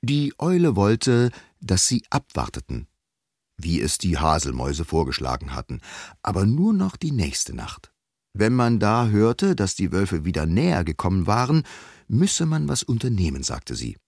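A man reading a children's audiobook aloud, with lively, expressive storytelling. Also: sits low, moderate pace, no room sound, studio quality. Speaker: audiobook reader.

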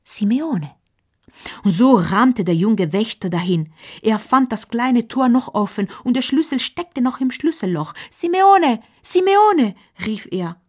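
A woman telling a Christmas-style story slowly and gently, often dropping to a soft whisper. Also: medium pitch, lively intonation, breathy edge. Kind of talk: storybook narration.

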